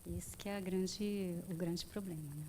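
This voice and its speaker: A woman's voice: fairly low pitch, steady tone, normal speed, darkish tone, a little hiss or hum. A woman in the audience of a lecture, chiming in with short comments from away from the microphone. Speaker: audience member.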